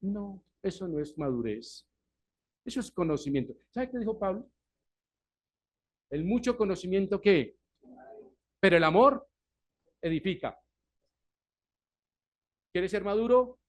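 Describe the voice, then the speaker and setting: A male pastor preaching a Sunday sermon, asking the congregation questions and answering them himself, swinging from loud emphasis to quiet asides. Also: high-pitched, animated, unhurried, pauses often. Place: church service.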